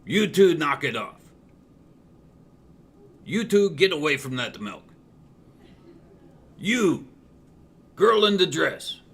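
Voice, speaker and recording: A man voicing a bossy male cop in a tabletop game, barking gruff orders. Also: fairly high pitch, sing-song, takes it slowly, pauses often, fairly bright tone, voice pushed up, full character voice. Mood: scolding.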